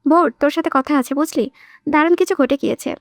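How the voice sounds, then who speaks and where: A woman voicing a spirited, sharp-tongued young woman who talks in a lively, defiant way in an audiobook drama. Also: sits high, a little fast, no echo, clean studio sound. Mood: teasing.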